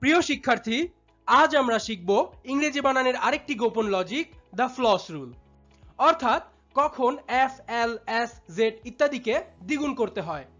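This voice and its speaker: A woman narrating a scripted spelling lesson in a measured, explanatory way, speaking directly to students. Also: a little high, expressive, a bit bright. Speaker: English spelling teacher. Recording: dull lo-fi sound with faint music.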